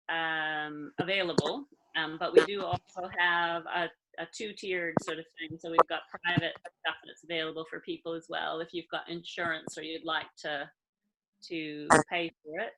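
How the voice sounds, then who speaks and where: A woman's voice: sits low, little pitch movement, normal speed, heavy background noise. A woman with a Maritime Canadian accent, chatting casually as an interview guest. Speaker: interview guest, emergency doctor and musician.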